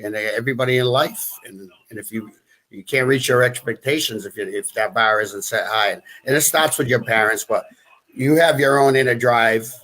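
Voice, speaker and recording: A man's voice: mid-range voice, fairly bright tone. A middle-aged man with a New England accent, a guest talking casually in a live stream, full of restarts and fillers. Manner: halting, many restarts and fillers, chuckles.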